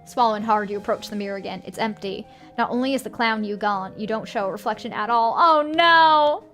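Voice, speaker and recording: A woman's voice: mid-range voice, steady tone, fast talker, faint music behind. A woman streaming a video game, reading its story text aloud and reacting casually as she plays.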